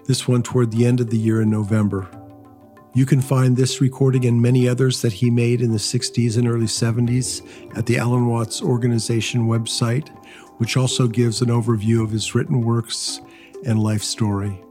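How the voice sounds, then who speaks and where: A man hosts with a scripted, narrated delivery. His medium voice is dark and relaxed and stays level, with soft music underneath. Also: mid-range voice, normal speed. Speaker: podcast host. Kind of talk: scripted outro narration and sponsor read.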